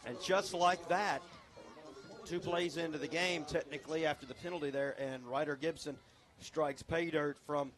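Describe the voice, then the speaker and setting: Excitable high school football announcer man. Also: moderate pace, a crowd in the background. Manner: excitable, rising to shouts on big plays. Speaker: play-by-play announcer. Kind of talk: local radio sports commentary.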